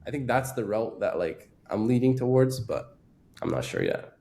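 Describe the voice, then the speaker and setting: A dental student in his early twenties, appearing as a guest on a casual podcast, talks earnestly and a bit hesitantly, filling his speech with lots of "like." His mid-range, dark-toned voice is very animated and moves at a normal speed.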